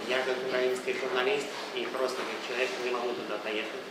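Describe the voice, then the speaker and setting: A man from Ukraine, a journalist, speaking in measured short phrases for an interpreter. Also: medium pitch, flat delivery, heavy background noise. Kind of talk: panel statement paused for interpreting. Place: large exhibition hall, indoors. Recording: distant mic in an echoey room.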